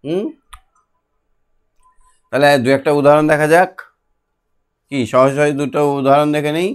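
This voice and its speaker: A middle-aged man teaching a classroom lesson, patiently repeating and drilling syllables slowly. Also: fairly high pitch, clear, resonant tone.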